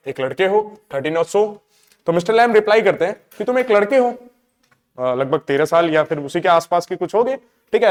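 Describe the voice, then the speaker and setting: A male teacher with a fairly high voice explains a text line by line. He reads each English line slowly and then explains it, checking in often with his class. A long reverb trails behind him. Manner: frequent checking fillers.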